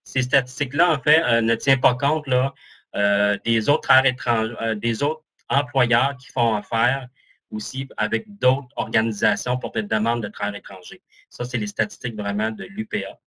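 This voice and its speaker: A man's voice: medium pitch, steady tone, normal speed, bright, forceful tone. A man with a Québécois French accent giving a webinar presentation as an employment counsellor, chatty and joking about himself, with many fillers, speaking over a video call.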